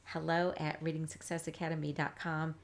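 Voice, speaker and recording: A woman reading teacher giving a live phonics lesson, chatty and upbeat, slowly sounding words out piece by piece. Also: low voice, flat delivery, creaky. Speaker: reading teacher, academy founder.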